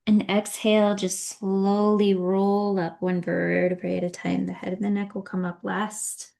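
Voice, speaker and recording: A woman teaching yin yoga, guiding each movement in a gentle, soothing, unhurried manner. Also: mid-range voice, flat delivery, vocal fry. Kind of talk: guided yoga class instruction.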